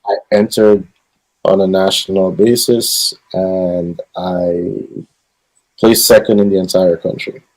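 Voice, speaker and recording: Heard on a rough recording, a thirtysomething Guyanese gospel singer speaks slowly in a low, slightly mellow voice with fairly even intonation. He gives casual, rambling interview answers about his life, full of fillers.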